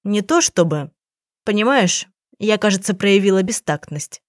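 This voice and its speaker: A woman's voice: medium pitch, animated, measured pace, no room sound, clean studio sound, lightly acted. A woman reading an audiobook, voicing an eccentric, theatrical aunt who is a writer, in a plaintive, dramatic manner.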